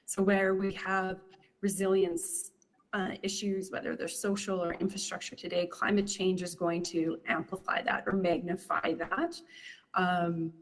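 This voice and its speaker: A woman on city staff answering a councillor's question at a council meeting, explaining in a measured way with many fillers. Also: lowish voice, little pitch movement. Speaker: city climate staff presenter.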